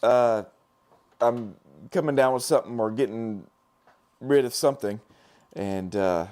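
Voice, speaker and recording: This middle-aged dental lab technician streams casually while he works, his hoarse, failing voice wandering through fillers and restarts as he speaks to viewers. The voice is mid-range and a little mellow, at a measured pace.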